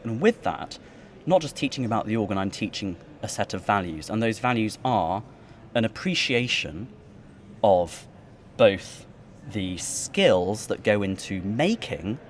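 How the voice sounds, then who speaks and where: A man, an organist, talking in an interview, articulate and animated as he tells stories about teaching. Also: lowish voice. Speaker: cathedral organist and educator. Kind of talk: interview conversation. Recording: faint background noise.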